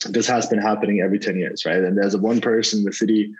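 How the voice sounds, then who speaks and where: A man, a venture investor chatting as an interview guest, relaxed and rambling with many fillers and restarts. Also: fairly low pitch, fast talker, a little hiss or hum. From Germany. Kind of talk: casual interview over a call. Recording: dull lo-fi call audio.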